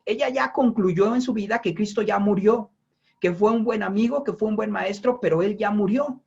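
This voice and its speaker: A man's voice: high-pitched, moderate pace, creaky, a little mellow, husky. A man preaching a sermon, emphatic, repeating phrases and putting questions to the listener. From Mexico. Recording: dull lo-fi recording.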